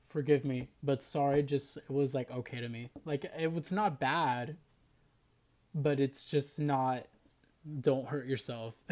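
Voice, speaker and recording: A man's voice: a little high, darkish tone. A man reviewing an album in a casual reaction video, chatty and enthusiastic, with lots of "like" fillers.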